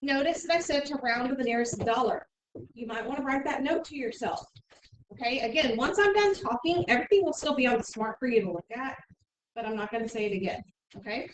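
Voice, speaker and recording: A woman teaching a middle school math class, briskly explaining steps and checking in with "okay?" often. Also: high-pitched, animated. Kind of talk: classroom instruction. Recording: echoey room, mic far off, faint noise.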